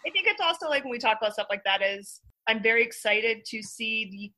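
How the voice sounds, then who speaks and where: Female co-host, bright tense tone, wry casual podcast chatter. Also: fairly high pitch, lively intonation, a little fast, poor audio.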